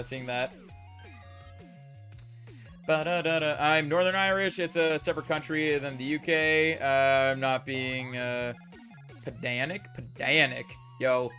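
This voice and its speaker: A man's voice: medium pitch, fairly bright tone. A young man from Canada, with a mostly American accent and a slight Canadian tinge, chatting casually on a live stream and rambling with lots of filler words. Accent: mostly General American, slight Canadian. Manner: rambling, lots of "like" and "uh" fillers, hums while playing.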